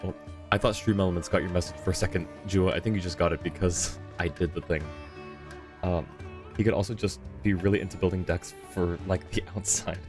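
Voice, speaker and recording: Game music runs under this clip of a streamer and host chatting through his gameplay. He speaks briskly in a low-pitched, steady tone, rambling casually and thinking out loud.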